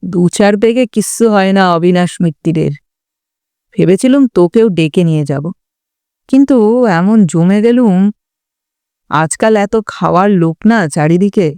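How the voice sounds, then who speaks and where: A woman's voice: mid-range voice, mellow, smooth, no room sound, clean studio sound, close to an everyday voice. A woman reading an audiobook, voicing a drunk, boastful young man who rambles and picks fights. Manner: slurred, rambling, belligerent. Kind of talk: audiobook character voice.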